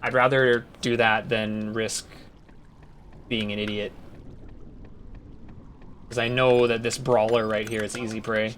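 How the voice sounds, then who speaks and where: A young man with a bright, crisp voice talks casually through a video game run, half to himself. His commentary jumps from low muttering to loud yells. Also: flat delivery, a little slow, pauses often, slight background noise. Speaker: speedrunner. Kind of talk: live gameplay commentary.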